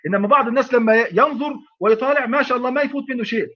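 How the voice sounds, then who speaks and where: A man's voice: very high voice, very fast, lo-fi sound. A man with an Egyptian accent teaching as a sheikh in an online lecture, speaking emphatically with repeated phrases and rhetorical questions. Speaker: sheikh teaching Quran readings.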